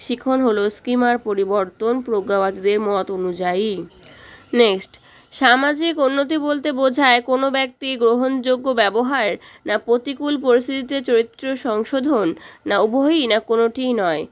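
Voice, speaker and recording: A woman's voice: a little high, steady tone, moderate pace. Woman teacher running quiz practice. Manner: reads questions then explains answers, repeats "ঠিক আছে?". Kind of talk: exam practice lesson.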